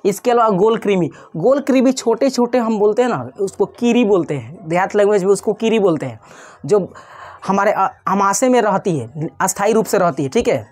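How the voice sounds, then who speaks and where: A woman's voice: medium pitch, darkish tone. Woman, science teacher, conversational lecture, rhetorical questions, frequent check-ins. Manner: conversational, poses and answers its own questions, checks in with "ठीक है" often. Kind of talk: explanatory online class lecture.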